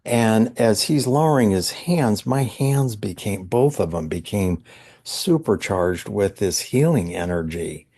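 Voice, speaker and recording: Slow, low-toned earnest man. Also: animated, mellow. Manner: earnest, halting, searching for words. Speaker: podcast guest, psychologist. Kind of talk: recounting a personal spiritual experience.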